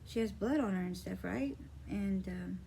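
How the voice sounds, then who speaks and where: A woman's voice: mid-range voice, moderate pace, gravelly, mellow, slight background noise, poor audio. A woman vlogging casually, telling a story from her childhood with many fillers and acting out the dialogue. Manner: rambling, many fillers, acts out quoted dialogue. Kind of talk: casual personal storytelling to camera.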